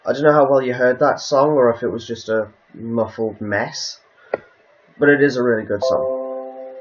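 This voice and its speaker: A man's voice: medium pitch, moderate pace, highs cut off, soft background music. A man chatting casually on a livestream, hesitant and rambling, with many ums and restarts.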